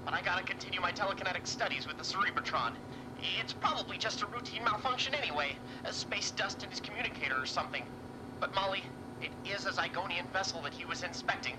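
A woman's voice: mid-range voice, animated, quick pace, background noise, natural voice. A woman playing an eager, earnest young cub reporter boy in a retro sci-fi radio drama.

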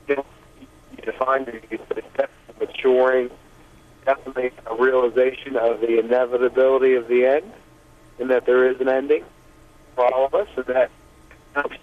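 A man's voice: mid-range voice, level tone, moderate pace, pauses often. A man answering interview questions over a phone line that glitches and breaks up, speaking hesitantly with many restarts. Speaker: musician guest.

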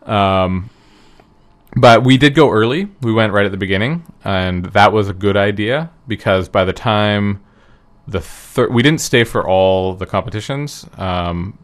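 Low-voiced hesitant man. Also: fairly bright tone. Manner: rambling, hesitant with many ums and restarts. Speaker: guest recounting an event. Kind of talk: casual chat.

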